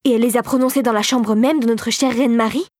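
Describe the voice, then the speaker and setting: A woman's voice: a little high, normal speed, darkish tone, slightly rough, no echo, studio quality. Woman voicing a fretful male regent. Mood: agitated. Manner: agitated, fretful. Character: anxious male regent of a fairy kingdom.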